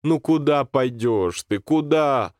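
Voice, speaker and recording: A man voicing a fussy, scolding old village grandmother in a storybook reading, with drawn-out country speech. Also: mid-range voice, animated, darkish tone, no echo, studio quality, pitched above the performer's own voice.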